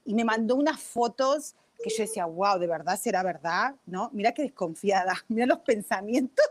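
A woman's voice: mid-range voice, lively intonation, moderate pace, dry recording. A woman chatting casually, talkative and dropping English words into her Spanish. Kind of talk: casual chat.

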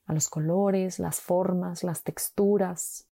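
A woman slowly guiding a mindfulness walk with calm, gentle instructions and long pauses. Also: lowish voice, gravelly, no echo. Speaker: meditation guide.

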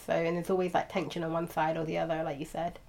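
A woman's voice: low-pitched, level tone, quick pace, gravelly, a little mellow. A woman in a casual philosophical chat, asking questions and weighing ideas conversationally. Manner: questioning, conversational, uses fillers.

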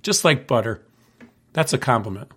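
A man's voice: mid-range voice, expressive, moderate pace, a bit bright, breathy edge. A man hosting a history podcast, upbeat and rambling, often laughing. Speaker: podcast host. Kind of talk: casual podcast chat.

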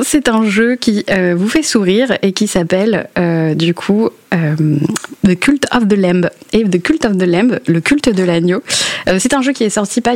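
A woman's voice: mid-range voice, a little mellow, dry recording. A woman presenting a spoken chronicle on video games, talking casually with frequent hesitations and filler sounds. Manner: hesitant, many fillers, laughs often.

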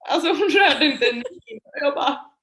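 A woman guest telling a personal story in a lively, chatty way, laughing often and using many fillers. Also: high-pitched. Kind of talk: casual storytelling.

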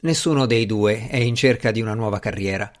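A man voicing a bored, aloof aristocratic gentleman in an audiobook, speaking in a languid, dismissive way. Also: on the low side, fairly quick, natural voice. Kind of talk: audiobook character reading.

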